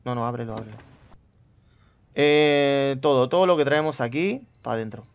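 A man giving casual gameplay commentary, chatting to himself and his viewers with sudden loud outbursts. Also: medium pitch, moderate pace, clear, resonant tone, dull audio. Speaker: gameplay streamer.

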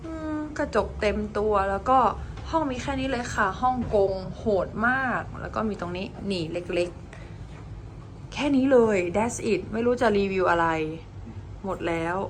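A young woman vlogs her travels, chatting casually straight to camera with chirpy asides as she moves between her hotel room, city streets and stations. Her mid-range voice has lively intonation at a normal speed, and the handheld recording is noisy.

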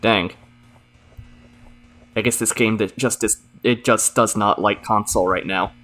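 A man's voice: fairly low pitch, fairly even intonation, unhurried, fairly bright tone. A young man hosting a casual let's-play with friends, laid-back and guiding the others. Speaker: gaming channel host.

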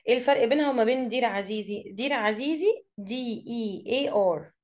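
A woman with an Egyptian accent teaching an English vocabulary lesson, saying each word slowly and then explaining it quickly. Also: a little high. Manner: reads words slowly, then explains briskly.

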